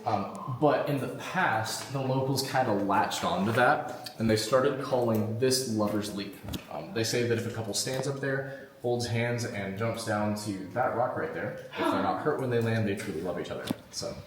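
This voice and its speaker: A man's voice: on the low side, normal speed, background noise. A man working as a cave tour guide, talking informally to a group with dry jokes. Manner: dryly joking. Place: inside a show cave. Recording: very echoey cave with crowd chatter. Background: tour group voices.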